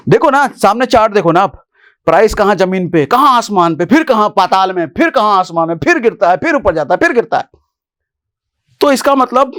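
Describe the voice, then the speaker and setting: High-pitched chatty male finance explainer. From India. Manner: chatty, animated, often addresses viewers as brother. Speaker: finance YouTuber host. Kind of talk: casual explainer to camera.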